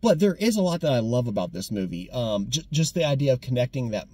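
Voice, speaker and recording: A young American man giving a casual, animated movie review, often restarting his sentences and repeating words when excited. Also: medium pitch, quick pace, breathy edge. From United States. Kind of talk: casual conversational film review.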